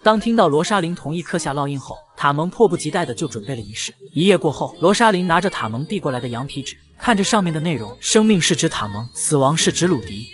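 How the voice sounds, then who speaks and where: Guy narrating a comic story, fast, kinda high. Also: a bit bright. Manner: brisk storytelling. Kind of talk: scripted comic recap narration.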